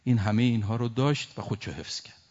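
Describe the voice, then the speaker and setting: Low-voiced male preacher, lo-fi. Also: a little mellow. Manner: recites Arabic verses slowly, then explains them with emotion. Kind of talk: religious sermon. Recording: dull lo-fi recording.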